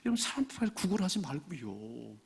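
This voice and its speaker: A male pastor preaches at a church service with a slightly husky voice. His pitch rises and falls in a lively way, and he repeats key phrases with emphasis. When he reads scripture, he slows down and draws the words out. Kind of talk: sermon.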